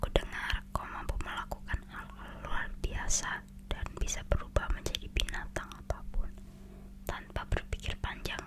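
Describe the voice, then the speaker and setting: Hushed ASMR storyteller with an Indonesian accent, whispering. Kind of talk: whispered ASMR storytelling, reading fairy tales aloud.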